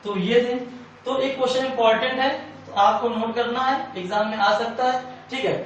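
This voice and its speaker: High-voiced man teaching in an echoey room. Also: steady tone, moderate pace. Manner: repetitive, asks and answers own questions. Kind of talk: exam-prep lecture. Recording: echoey room, far from mic, faint hiss.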